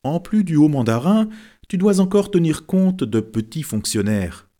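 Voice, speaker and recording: A man performs the voice of a modest, shrewd literature teacher who reads fortunes from written characters, pitching it above his own natural voice so it sounds a little high. He speaks calmly at a moderate pace, explaining with a knowing air.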